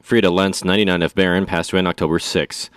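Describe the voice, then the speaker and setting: A male announcer reading scripted funeral notices in a measured, solemn obituary manner. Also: low-pitched, flat delivery, no echo, clean studio sound. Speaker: radio announcer.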